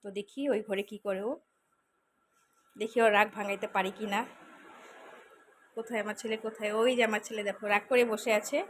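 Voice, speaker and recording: A woman's voice: medium pitch, steady tone, fairly quick, pauses often, slight background noise, rough recording. A woman talking through a casual home vlog, coaxing and fussing over a sulking child in a cooing, doting way. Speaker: vlogger.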